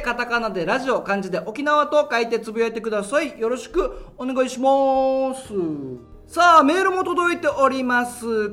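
High-pitched guy with an okinawan accent chatting on local radio, lively and laughy, music going behind. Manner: chatty, laughs while telling stories, lots of fillers. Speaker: radio show host. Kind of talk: casual solo radio talk. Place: live public recording. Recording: live recording with music behind.

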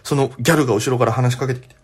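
A young man, a comedian, telling a story alone on his podcast in a chatty, animated way. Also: medium pitch, racing, husky.

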